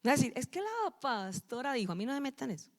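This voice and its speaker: A woman's voice: high-pitched, very animated, fast. A middle-aged woman pastor, preaching a sermon and firing questions at the congregation, scolding them at times. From Colombia.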